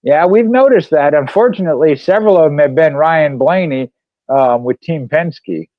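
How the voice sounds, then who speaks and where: A man's voice: fairly high pitch, dry recording. Guy cohost chatting racing stats, kinda dull lo-fi mic sound. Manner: conversational, reads figures slowly. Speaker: podcast co-host. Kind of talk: casual racing talk.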